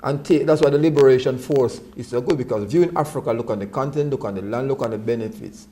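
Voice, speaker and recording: A man's voice: medium pitch, fast talker, mellow, slight background noise. A man with a Jamaican accent speaking Rasta-style with patois phrasing, reasoning conversationally and repeating words for emphasis.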